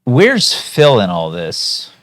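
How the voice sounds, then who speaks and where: A man's voice: mid-range voice, huge pitch swings, slow, a bit bright, dry recording. A playful man playing in a tabletop game, laughing often as he jumps in. His voice moves up and down a lot, and the recording is dead dry with no room sound. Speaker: player. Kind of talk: casual game chat.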